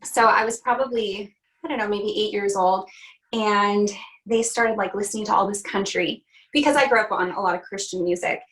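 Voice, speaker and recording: A young woman from Canada talks as a guest in a relaxed video-call interview. She is chatty and upbeat, laughing easily between thoughts. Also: medium pitch, moderate pace, poor audio. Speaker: country singer, interview guest.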